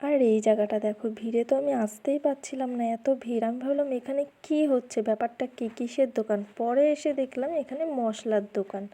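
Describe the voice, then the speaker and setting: Young woman vlogger, from West Bengal, India, slightly high and mellow voice, quick casual chatter. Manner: chatty, repeats fillers while touring. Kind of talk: casual vlog narration. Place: outdoor food fair, evening.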